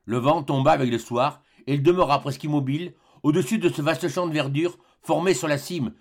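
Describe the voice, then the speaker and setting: A man narrating a classic adventure novel in an expressive, dramatic reading. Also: on the high side, brisk. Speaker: audiobook reader.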